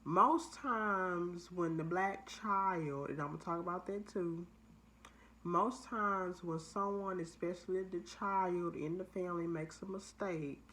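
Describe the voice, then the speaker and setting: A woman's voice: fairly low pitch, slow pace, a bit bright. A woman hosting her own channel, giving a candid, confessional motivational talk drawn from her own experience. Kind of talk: motivational personal vlog talk.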